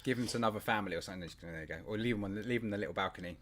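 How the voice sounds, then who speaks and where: This podcast co-host has a fairly low voice and speaks very fast, with a little hiss or hum in the audio. He's an animated storyteller on a live show, chatting casually and laughing a lot.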